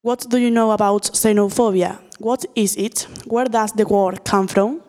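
A woman hosts, putting short, direct questions to her guests in a mid-pitched voice. The recording has a long reverberant ring. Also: fairly even intonation, normal speed, darkish tone. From Spain. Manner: brief, question-led. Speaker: podcast host, interviewer. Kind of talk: reading interview questions. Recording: reverberant room.

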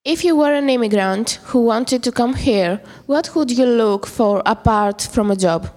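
Teen girl, student podcast host, halting reads, echoing room. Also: fairly high pitch, darkish tone. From Greece. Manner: hesitant, reading questions with fillers. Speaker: student interviewer. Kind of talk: scripted school podcast questions.

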